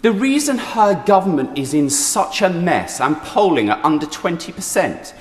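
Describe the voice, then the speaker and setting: Man's lively parliament speech, echoey chamber. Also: sits high, moderate pace. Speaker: opposition member of parliament. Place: large indoor parliamentary chamber. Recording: echoey chamber with clear background noise.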